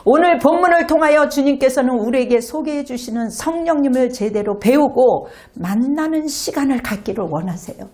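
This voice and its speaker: Animated Korean woman pastor preaching. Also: sits high, normal speed, hardly any pauses. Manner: animated preaching with acted child voices. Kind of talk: sermon. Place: church sanctuary.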